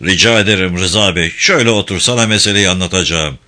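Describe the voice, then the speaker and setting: A man's voice: deep voice, quick pace, sharp tone, voice pushed down. A man voicing a hot-tempered male prison director who blusters and threatens. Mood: pleading.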